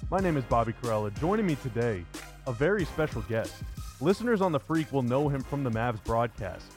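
Very animated and brisk, a man with a mid-range voice hosts a sports radio show, chatting conversationally about basketball through an upbeat intro and interview. Faint music plays behind him.

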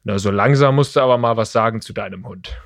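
A man, telling an animated story in a casual podcast chat and jumping up in pitch when he quotes himself. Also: fast talker, creaky, dry recording, studio quality. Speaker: podcast co-host.

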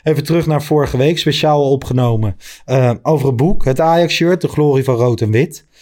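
Relaxed man hosting a podcast. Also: mid-range voice, a little fast. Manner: reads listener messages aloud, relaxed. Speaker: podcast host. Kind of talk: casual podcast chat.

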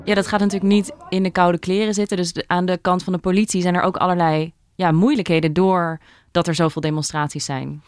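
Lowish-voiced woman host asking questions. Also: little pitch movement, brisk, smooth. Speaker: podcast host. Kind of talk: interview questions.

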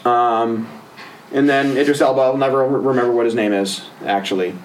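A man's voice: medium pitch, steady tone, brisk, distant mic, a little hiss or hum, rough recording. A man co-hosting a casual movie-review podcast, sarcastic and swearing, mimicking characters' lines. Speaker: podcast co-host.

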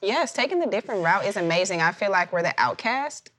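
Animated woman telling stories in an interview. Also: mid-range voice, fast talker. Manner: animated storytelling, acts out quoted voices. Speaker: dancer guest. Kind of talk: casual interview chat.

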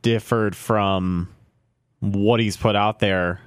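A man co-hosting a podcast, chatting casually in a measured, halting way with fillers. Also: lowish voice, fairly even intonation, clean tone, no echo, clean studio sound. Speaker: podcast co-host. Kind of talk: casual chat.

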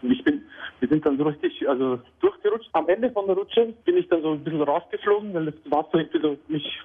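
Excitable Austrian man on a phone line. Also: on the high side, fast talker, gravelly, husky. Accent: Austrian German. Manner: excitable, giggly storyteller. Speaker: caller. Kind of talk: telling an anecdote on air.

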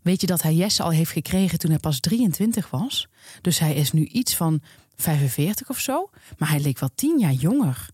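A woman's voice: sits low, expressive, moderate pace, hardly any pauses, darkish tone, slightly rough, dry recording, clean studio sound. A woman reading aloud as a chatty, pouty young blonde woman who gushes about her boyfriend's father. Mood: dreamy. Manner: gushing, chatty.

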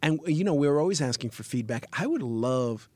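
Middle-aged man, podcast co-host, lively pitch swings, jokey, dry close sound. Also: normal speed, no echo. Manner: jokey, animated, self-mocking. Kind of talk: casual chat.

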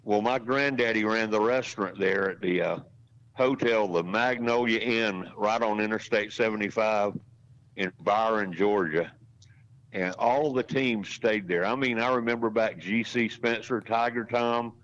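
A man's voice: on the low side, a little slow, fairly bright tone. A man in his sixties, a racetrack announcer, telling rambling, folksy stories as a podcast guest. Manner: folksy, rambling anecdotes with restarts. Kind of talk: casual storytelling in a podcast interview. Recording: dull lo-fi audio.

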